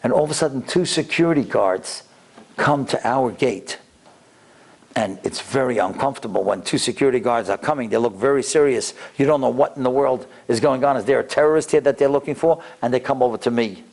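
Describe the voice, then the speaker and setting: A man's voice: medium pitch, a little fast, vocal fry, a little mellow. A man giving an anecdotal, inspirational religious lecture as a rabbi, acting out dialogue and repeating words for emphasis.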